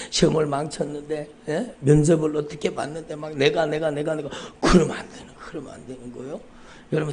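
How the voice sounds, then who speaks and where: A man preaching a sermon as pastor, repeating his phrases and rising to loud, fervent outbursts. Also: medium pitch, gravelly, slight background noise. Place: church sanctuary.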